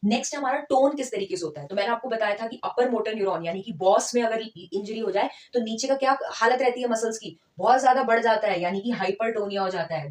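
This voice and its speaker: Woman lecturer, chatty teaching tone, mid-pitched, recorded a bit off-mic in a roomy space. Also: a little mellow, far from the mic. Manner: conversational teacher, checks in with listeners. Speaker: physiotherapy lecturer. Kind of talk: explanatory lecture, Hindi mixed with English terms. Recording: echoey room, voice from off the mic.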